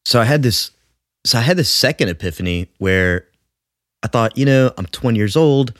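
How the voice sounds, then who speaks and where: A man's voice: medium pitch, expressive, moderate pace, no echo, studio quality. A man in his thirties, a musician guest talking casually on a podcast, with many fillers and restarts. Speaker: guest bassist.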